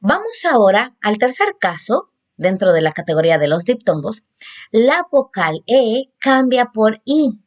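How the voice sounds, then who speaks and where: Lady teacher going over verbs real slow, lots of ems and repeats. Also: on the high side, sing-song, highs cut off. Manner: slow, patient explaining with fillers and repeated examples. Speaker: Spanish teacher. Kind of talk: grammar lesson.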